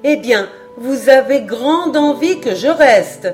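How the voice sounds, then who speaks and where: Paganel, a woman voicing an excitable French geographer. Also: mid-range voice, unhurried, soft background music, natural voice. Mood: excited. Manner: exclaiming, lively and emphatic. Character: excitable male French geographer, absent-minded, eager.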